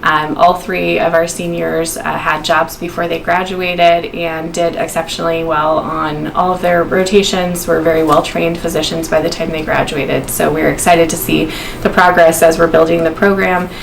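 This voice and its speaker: A woman's voice: low voice, level tone, normal speed, creaky, slight background noise, low-quality recording. A woman from the residency faculty speaking steadily and informatively, with "um" fillers.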